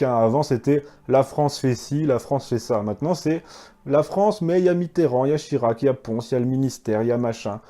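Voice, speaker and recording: A man's voice: mid-range voice, dark tone. A man hosting a history video in French, narrating with combative, sarcastic asides to the listener.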